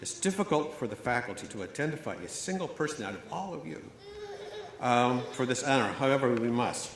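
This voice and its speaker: An older man giving a measured, storytelling award speech at a graduation ceremony, partly read aloud. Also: mid-range voice, expressive, noisy background. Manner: measured, storytelling delivery with fillers. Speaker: award presenter. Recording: echoey hall, faint ambience.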